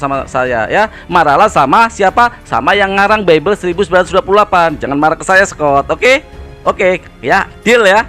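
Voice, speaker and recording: Brief: male host, combative polemical reaction commentary, a touch high-pitched, soft music underneath. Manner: mocking, combative. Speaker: channel host.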